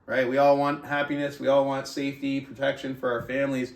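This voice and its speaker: A man with a gravelly, medium-pitched voice talks briskly in a level tone, hosting a motivational book club. Earnest and conversational, he shifts between addressing listeners and reading aloud, checking in with rhetorical "right?"s. The mic is distant and the room echoes.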